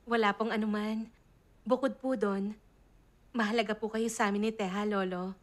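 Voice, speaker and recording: A woman's voice: mid-range voice, steady tone, moderate pace, close to an everyday voice. An actress dubbing a formal, polite young noblewoman who is easily flustered. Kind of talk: Tagalog drama dub.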